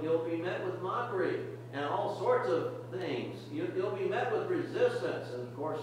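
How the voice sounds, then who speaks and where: A man's voice: high voice, a little hiss or hum. Older man preaching in an echoey church. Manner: earnest, repetitive exhortation with frequent restarts. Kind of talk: sermon. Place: church sanctuary, medium size, indoors. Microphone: podium mic, camera far at back of room. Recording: very echoey distant church recording.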